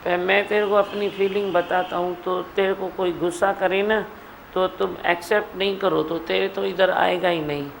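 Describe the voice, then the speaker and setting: Middle-aged woman giving a homely spiritual talk, gravelly fry in the voice, soft hiss behind. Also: lowish voice, fairly even intonation, normal speed, poor audio. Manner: gentle, homely teaching with soft laughs. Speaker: spiritual teacher leading a satsang. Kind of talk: devotional talk to a gathering. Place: indoor community hall.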